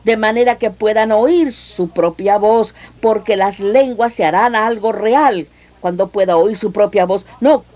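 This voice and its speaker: A woman preacher teaching an audience about speaking in tongues, lively and full of questions to the listeners. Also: mid-range voice, unhurried. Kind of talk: teaching at a healing seminar.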